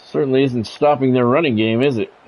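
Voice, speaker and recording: This man's medium-pitched, darkish voice moves a little fast with fairly even intonation as he commentates live over a football video game. He keeps to short announcer phrases and candid asides; the recording is dull and lo-fi with faint background noise.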